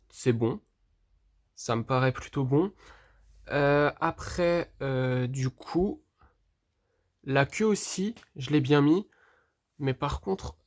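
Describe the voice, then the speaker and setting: A vlogger unboxing a toy figure in a casual, hesitant way, thinking aloud, talking straight to viewers and filling pauses with hesitations. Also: medium pitch, a little mellow. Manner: hesitant, puzzled, fills pauses with "euh" and "du coup".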